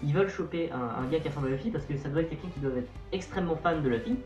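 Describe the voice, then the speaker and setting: A man's voice: on the high side, rapid-fire, a little mellow, dull audio, soft background music. Chatty young man in an echoey room. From Portuguese-Brazilian family background. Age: young adult. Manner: chatty, playful self-mocking irony. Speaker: youtuber. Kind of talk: casual vlog to camera.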